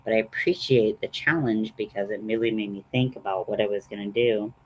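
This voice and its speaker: A man's voice: fairly low pitch, a little fast, darkish tone, poor audio. A man hosting a casual, chatty makeup tutorial in a rambling, self-deprecating way. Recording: noticeable background noise.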